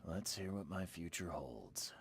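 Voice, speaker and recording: An actor playing a gruff, guarded newcomer in a video game, with a terse, dry, skeptical delivery and a gravelly voice. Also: male voice, low voice, very animated, a little slow, heavily acted. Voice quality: gravelly, husky. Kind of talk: understated video game voice acting.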